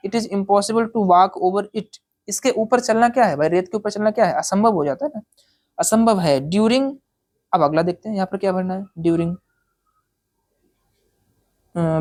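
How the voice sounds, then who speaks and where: A woman's voice: medium pitch, a little mellow. Patient woman teaching exam English. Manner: reads English sentences slowly, then explains them in Hindi; keeps checking with the listener. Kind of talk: exam-prep lesson.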